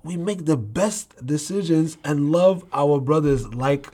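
A man's voice: on the high side, slow pace, dark tone. A man speaking as an interview guest in a heartfelt conversational way, emphatic and often checking that the listener follows. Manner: emphatic, with repeated rhetorical check-ins.

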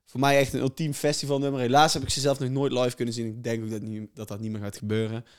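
Smooth-voiced young man, relaxed chat. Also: medium pitch, fast. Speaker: podcast co-host. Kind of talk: casual chat.

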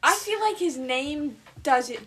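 A young woman from Washington with a slightly high voice, chiming in with short playful remarks. Her asides land dry and deadpan in a loose comedic chat. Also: a little slow. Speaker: co-host.

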